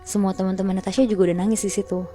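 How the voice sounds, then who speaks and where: A woman's voice: mid-range voice, little pitch movement, racing, warm tone, faint music behind. A woman telling a horror story to a friend in a chatty, slangy way, often calling out to her listener.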